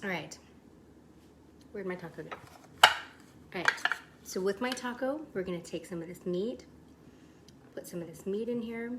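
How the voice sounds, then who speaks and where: A woman's voice: mid-range voice, normal speed, long pauses, very noisy. A woman hosting a casual home cooking show, chatting enthusiastically to her viewers as she demonstrates a recipe in her kitchen. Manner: chatty, enthusiastic, addresses viewers as "you guys".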